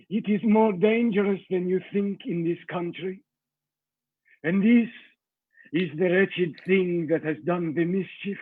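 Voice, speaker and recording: An actor playing a courtly, menacing ancient vampire count in a radio play, speaking formally and ominously. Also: male voice, high voice, no room sound, narrow, tinny audio. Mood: stern, menacing.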